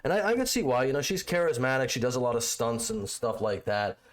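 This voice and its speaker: A man's voice: mid-range voice, very animated, quick pace. A man co-hosting a casual political chat show, giving his opinions and thinking aloud as he talks. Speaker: podcast co-host.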